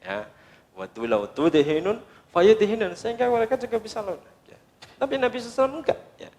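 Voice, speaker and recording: A man preaching a sermon, speaking emphatically in short phrases that often climb to high, insistent peaks. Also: expressive, fast, darkish tone.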